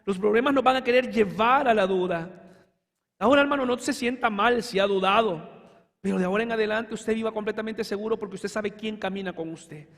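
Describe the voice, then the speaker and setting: A man preaching a sermon as pastor, fervent, with sudden shouts and slow emphatic lines. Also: sits high. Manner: addresses congregation as hermano, asks for amen. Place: church sanctuary. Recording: hall reverb in a church.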